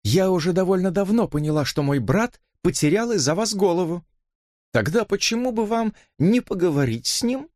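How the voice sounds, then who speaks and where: An earnest, anxious young woman with a tense, trembling voice, as a male audiobook reader plays her. She pleads in a raised register with lively rises and falls. The reading is close and dry. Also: high voice, normal speed, dry recording, voice pushed up. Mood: pleading.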